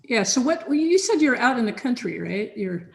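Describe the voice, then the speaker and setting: A software team researcher talks through her computer on a video call from a home office flooded with light from big sunny windows. Taking her turn in a chain conversation, she rambles casually with plenty of fillers and restarts, her rather high, creaky voice moving in a sing-song way at a moderate pace.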